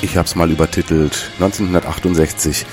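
A man's voice: deep voice, fairly even intonation, brisk. A man, presenting scripted commentary and programme summaries as a radio host. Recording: music behind the voice. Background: music.

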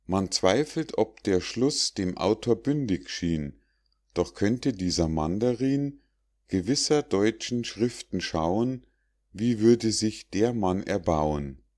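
A man reads old rhymed fables for an audiobook in a measured, recitative manner. His voice sits low. He takes the verse at an unhurried pace. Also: expressive, a little mellow. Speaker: audiobook narrator. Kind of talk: scripted narration of rhymed fables.

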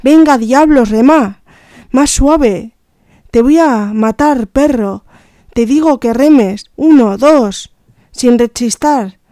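A woman's voice: high-pitched, slow, warm tone, no room sound, studio quality. A woman reading aloud voicing a cold, threatening male smuggler with curt, commanding orders. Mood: menacing.

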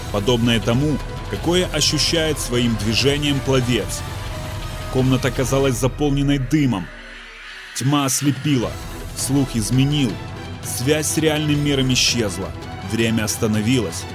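Man narrating a suspense audiobook. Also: medium pitch. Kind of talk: dramatic scripted narration.

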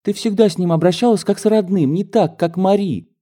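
A man voicing an excited young woman who gushes breathlessly about being newly engaged. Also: high voice, brisk, pitched above the performer's own voice, lightly acted. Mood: elated. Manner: gushing, breathless with joy.

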